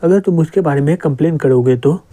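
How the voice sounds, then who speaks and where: A scheming young woman who sweet-talks and then snaps, as a man voices her. The voice stays a little high and soft in tone. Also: a little fast, natural voice. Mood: pleading.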